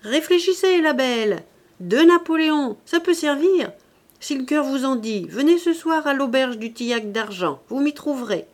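A woman reading an audiobook, voicing a loud, hoarse travelling male tooth-puller who hawks and coaxes. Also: sits high, lively intonation, moderate pace, pitched above the performer's own voice. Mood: hawking. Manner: loud, hawking, coaxing.

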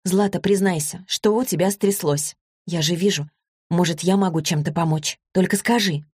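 A woman's voice: fairly low pitch, moderate pace, darkish tone, husky, no echo, clean studio sound. A woman reading a story, voicing an anxious, affectionate teenage girl who talks in an eager, pleading way.

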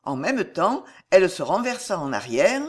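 A narrator reading a historical novel aloud in a measured, expressive way. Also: medium pitch, husky. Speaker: audiobook narrator.

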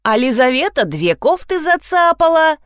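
Woman as an anxious, whiny kid brother for a storybook read, high and sing-song. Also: very animated, moderate pace, dry recording, clean studio sound. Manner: whining, anxious. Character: whiny tattletale young boy.

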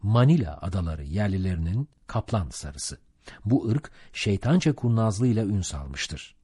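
Husky low male storyteller. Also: big pitch swings, mellow, no room sound, clean studio sound. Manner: measured storytelling. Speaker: audiobook narrator. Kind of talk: scripted narration.

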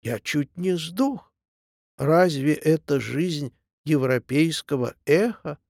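A man playing a shrill drunken hill echo. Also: slow, vocal fry, clean studio sound, exaggerated voice. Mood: complaining. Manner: shrill, brash, shouting battle cries.

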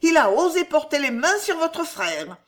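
A reader doing a scheming old queen mother in a storybook, her voice lifted high and loud over the court, sweet on top and poisonous underneath, pitch swinging freely as she presses her case. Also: very animated, moderate pace. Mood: sweetly venomous. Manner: honeyed yet venomous. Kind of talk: audiobook character voice.

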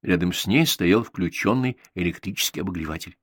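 A man narrating an audiobook in a steady, even storytelling manner. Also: low-pitched, brisk, husky, no echo, studio quality. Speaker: audiobook reader. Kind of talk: scripted narration.

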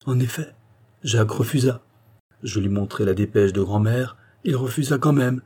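A man's voice: medium pitch, normal speed, warm tone, slightly rough, lightly acted. A man reading a novel aloud, voicing a distressed young woman who pleads earnestly for her brother. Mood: anxious pleading.

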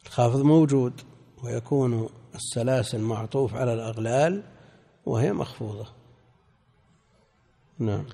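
An older man delivers a measured scholarly commentary, his voice gravelly with a mellow, darker tone. He explains points slowly and corrects the reader as he teaches. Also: mid-range voice. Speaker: sheikh commenting on a classical Quran commentary.

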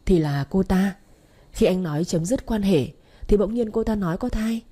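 A woman's voice: mid-range voice, normal speed, mellow, natural voice. A woman reading Đức, an evasive husband. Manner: flustered, placating. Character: evasive cheating husband, man.

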